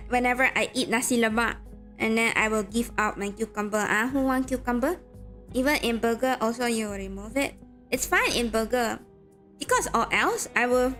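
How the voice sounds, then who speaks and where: A woman with a lightly high-pitched voice streams a story game. She switches between reading narration and chatting casually, with game music underneath. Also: a bit bright. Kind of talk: casual livestream chat and read-aloud narration. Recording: background music behind voice.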